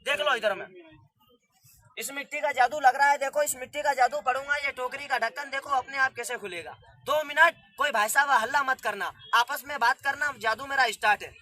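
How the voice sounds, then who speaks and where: Male street magician; high-pitched, piercing, bossy show patter to a crowd. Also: brisk. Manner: loud, commanding, coaxing the crowd.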